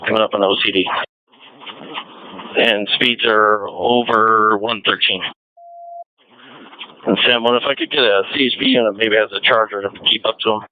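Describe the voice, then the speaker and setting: A man's voice: fairly low pitch, fairly even intonation, normal speed, long pauses, no echo, narrow, tinny audio. Man on police radio, urgent callouts. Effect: police radio transmission. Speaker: deputy in a pursuit.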